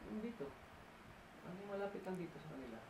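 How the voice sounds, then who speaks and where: A woman in casual chat, softly explaining things as a vlogger's companion. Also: lowish voice, animated, brisk, slight background noise, poor audio.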